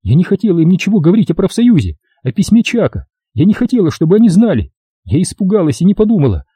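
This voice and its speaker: Guy doing a high panicky widow, husky and begging, dry close audiobook sound. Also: sing-song, quick pace, warm tone, no room sound, heavily acted. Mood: pleading. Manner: shrill, panicky, pleading. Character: frightened, defensive young widow.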